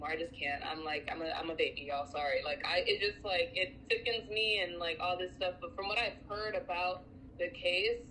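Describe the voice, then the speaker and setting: A woman from the United States co-hosting a casual podcast, talking in an animated, filler-heavy way. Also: fairly low pitch, moderate pace, slight background noise, low-quality recording. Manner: animated, chatty, many fillers. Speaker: podcast co-host. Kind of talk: casual chat.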